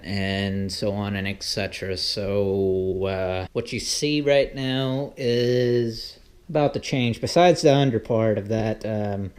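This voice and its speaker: Rambling male vlogger in an echoey room. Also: on the low side. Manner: rambling, thinking out loud. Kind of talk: casual vlog talk to viewers. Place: indoors in a room at home. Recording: roomy, echoing sound.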